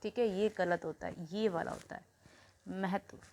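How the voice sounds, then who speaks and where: A woman teaching a grammar lesson to students, repeating key words slowly, asking questions and answering them herself, and telling the children to write things down. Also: medium pitch, steady tone, a little mellow. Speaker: Hindi teacher.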